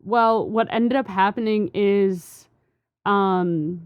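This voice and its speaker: Woman, podcast co-host, unhurried, smooth voice, rambling fillers, dull dry recording. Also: medium pitch, no room sound. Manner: rambling with frequent fillers and restarts. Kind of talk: casual science chat.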